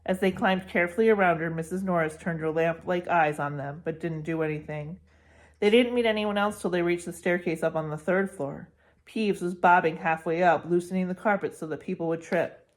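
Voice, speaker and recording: A woman narrating a children's novel aloud in a steady, expressive read-aloud style. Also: on the low side, fairly quick.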